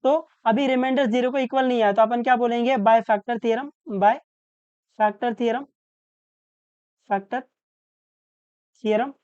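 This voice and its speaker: A woman teaching maths step by step, asking questions and answering them herself, and slowly dictating each formula. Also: fairly high pitch, steady tone, dark tone, clean tone, no echo. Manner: asks questions then answers them, often adds "isn't it?". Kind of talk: step-by-step lesson while writing. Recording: dull, muffled sound.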